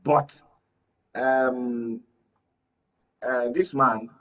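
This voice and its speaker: This medium-pitched male voice is bright and forceful, with fairly even intonation and drawn-out words. The speaker is a Nigerian media analyst, a guest in a discussion, who pushes his political analysis emphatically, restating points and checking the listener follows along. Audio quality is lo-fi and muffled from a distant microphone.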